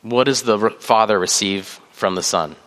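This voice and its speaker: Lowish-voiced guy preaching, reads bible verses, um's here and there, big echoey church hall. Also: fairly bright tone. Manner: measured preaching with fillers, reads scripture aloud. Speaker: pastor. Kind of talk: sermon. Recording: long hall reverb.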